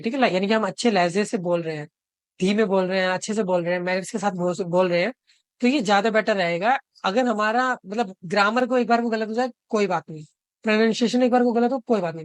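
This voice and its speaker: A man tutoring online who explains step by step, reads example sentences slowly and keeps checking in with his listeners. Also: sits high, no room sound. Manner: reads English sentences slowly, checks in with frequent tag questions. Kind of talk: explanatory lesson mixing Hindi and English.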